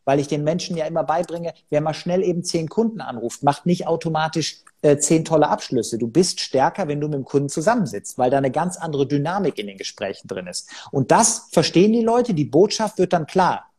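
A man's voice: a little high, lively intonation, a little fast, hardly any pauses, warm tone, husky. A man speaking as a sales trainer in a podcast interview, talking emphatically and acting out quoted dialogue from his seminars.

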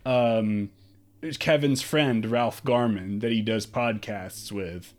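A man's voice: lowish voice, slow pace, a little mellow. A man co-hosting a podcast, ranting profanely and scornfully about a movie in casual chat. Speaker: podcast co-host.

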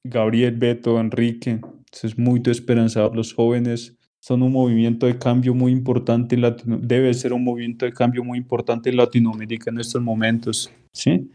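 Colombian guy, spanish native, podcast guest, really mellow dark voice, kinda flat, halting, hunts for words. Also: medium pitch. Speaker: interview guest. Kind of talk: casual podcast interview.

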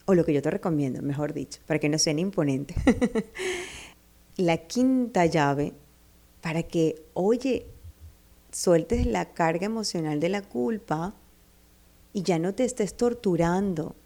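Woman, motivational speaker, warm mellow voice, emphatic direct address to the listener. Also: on the low side, animated, measured pace, long pauses. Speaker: self-help speaker. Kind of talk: motivational talk.

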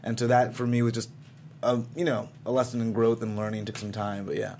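A man hosts a talk show and talks quickly and upbeat, rattling through his own story. His pitch is middling for a man, and his delivery stays casual and conversational. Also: monotone, darkish tone, a little hiss or hum. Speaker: host.

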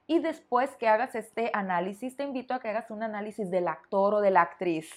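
A woman's voice: mid-range voice, fairly quick. A woman teaching Spanish in a podcast lesson, explaining in a conversational way, talking straight to the listener and asking rhetorical questions. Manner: friendly, direct address to the listener.

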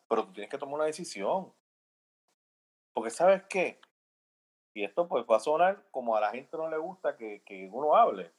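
A man with a Puerto Rican accent talks as a podcast guest in a voice of ordinary middle pitch. He lays out his views in an earnest, unhurried way, thinking aloud as he goes. He keeps checking in with his listener through quick tag questions. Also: poor audio. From Puerto Rico. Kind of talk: casual opinion chat.

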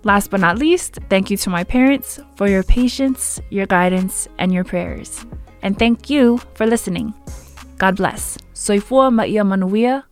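A woman's voice: mid-range voice, a little slow, faint music behind. A woman reading scripted narration as the host of a podcast.

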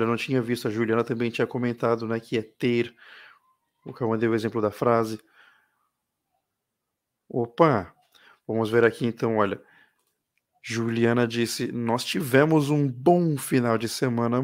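Man teaching English on a live stream. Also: mid-range voice. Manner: reads English phrases slowly for viewers to repeat; mixes English words into his talk.

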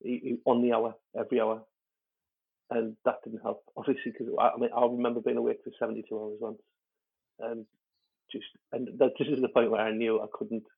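A man rattles through a candid, rambling story, his husky, gravelly voice staying flat in pitch. He swears freely and restarts his sentences often. The audio is lo-fi and thin, like a phone line. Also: fairly quick. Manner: rambling, with frequent fillers and restarts; swears freely and laughs while talking. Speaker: stand-up comedian guest.

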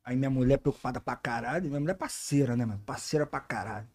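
A man's voice: medium pitch, very fast, breathy edge. A man, a podcast guest telling stories in casual slangy chat, acting out the people in them. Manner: animated, slangy, acts out voices in his stories. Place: podcast studio.

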